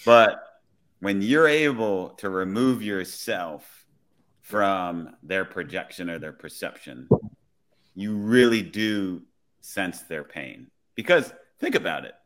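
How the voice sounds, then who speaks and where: A man co-hosting a casual podcast chat who agrees warmly with his partner and builds on the points he makes. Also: low-pitched, animated, slow. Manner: affirming, reflective, builds on the other speaker's points.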